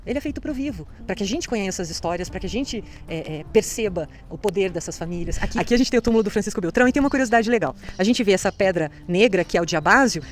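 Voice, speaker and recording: A woman's voice: on the high side, a little hiss or hum. A woman guiding a cemetery tour, explaining with enthusiasm.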